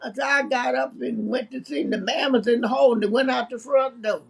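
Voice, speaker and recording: Older woman, husky and raspy, unhurried storyteller. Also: high voice, steady tone. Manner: unhurried storytelling, matter-of-fact about spirits. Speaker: grandmother on a live stream. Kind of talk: casual chat.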